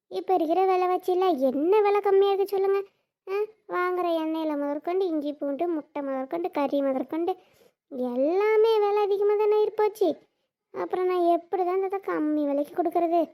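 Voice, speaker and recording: A woman's voice: very high-pitched, moderate pace, mellow. A woman voicing a frazzled young woman running a chicken stall, chatty and complaining, with a southern Tamil Nadu accent. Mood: chatty, grumbling.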